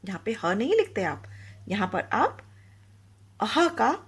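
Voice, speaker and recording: A woman's voice: mid-range voice, sing-song, slow, breathy edge. A woman teaching a Hindi grammar lesson to young children, explaining patiently, asking the class questions and mixing English words into her Hindi.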